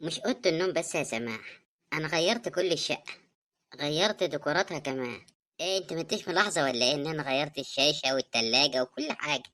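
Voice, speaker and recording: A woman voicing a tired young widow in an animated drama, speaking Egyptian Arabic in a pleading, defensive way. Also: deep voice, very fast. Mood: explaining.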